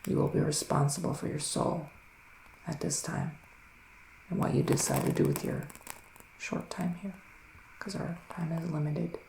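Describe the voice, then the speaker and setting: Soft-spoken and half-whispered, a male ASMR performer voices a solemn psychic witch in the middle of a reading, grave yet soothing. His pitch leans high and his intonation stays fairly even. Each line comes slowly and deliberately, broken by breathy pauses and sighs, in a roomy space with faint noise.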